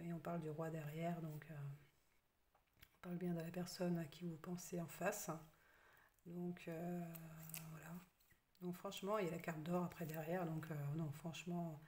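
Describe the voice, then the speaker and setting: A woman with a fairly low voice reads tarot cards for her viewers, hesitating often and filling pauses. Now and then she drops into soft half-whispered asides, and a faint hiss of noise runs under the recording. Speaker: tarot reader. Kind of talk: casual tarot reading to camera.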